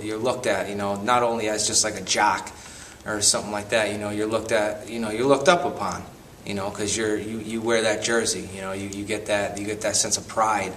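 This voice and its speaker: A man's voice: fairly low pitch, fairly bright tone, distant mic, slight background noise. A man in his late twenties from Connecticut, rambling through his memories with many restarts for a documentary. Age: 20s. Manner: rambling, lots of you-knows and restarts. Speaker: interviewee. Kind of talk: documentary testimony.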